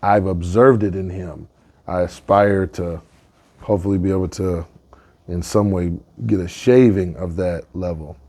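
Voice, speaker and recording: A man, a guest entrepreneur, telling fables in a casual, animated way with slang and reflective asides. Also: deep voice, unhurried. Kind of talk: casual storytelling.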